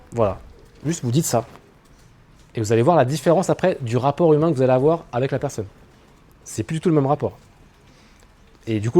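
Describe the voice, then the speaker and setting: Man coaching on public speaking. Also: fairly high pitch. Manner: lively, animated coaching talk with spoken asides. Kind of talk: talk to an audience on stage. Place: room with an audience.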